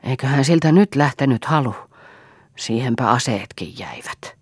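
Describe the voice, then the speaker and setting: A shrill old farm mother, raging and mocking, her husky voice jumping high and loud, as a woman reads her in a storybook. Dry, close sound with no room around it. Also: lively intonation, dry recording, exaggerated voice. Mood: spiteful. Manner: screaming taunts, cackling spite.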